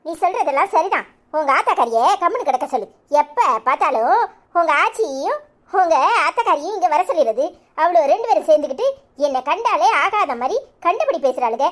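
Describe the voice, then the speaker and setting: A quarrelsome young wife from a cartoon serial, voiced by a woman. She scolds and threatens in a Kanyakumari Tamil accent, her voice pitched extremely high and thin. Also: big pitch swings, a little fast. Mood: aggrieved. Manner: scolding, combative. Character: sharp-tongued young wife fighting her co-daughter-in-law.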